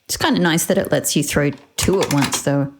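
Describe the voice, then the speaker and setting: A woman's voice: sits low, brisk, slight background noise. A woman joining a let's play as guest, chatting wryly and offering tips. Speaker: co-player and guest. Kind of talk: casual gameplay chat.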